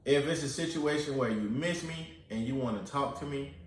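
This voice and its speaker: Man, podcast co-host, lively quoting, mid pitch, very echoey room. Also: normal speed. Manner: animated, acts out quoted lines; eating while talking. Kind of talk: casual chat.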